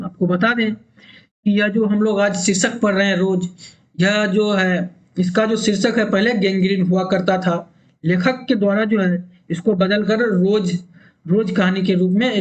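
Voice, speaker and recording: A male teacher explaining a story line by line for exam students, repeating phrases and checking in with tag questions. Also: sits high. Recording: dull lo-fi sound.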